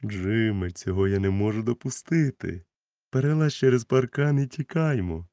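A man's voice: lowish voice, lively intonation, normal speed, dark tone, no room sound, studio quality. A man voicing a kindly, resolute grown doctor who talks urgently and firmly, in a storybook reading.

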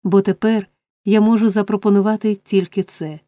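A woman's voice: mid-range voice, fairly even intonation, normal speed, warm tone, no echo, lightly acted. A woman voicing an earnest young man in love, pleading insistently in an audiobook reading.

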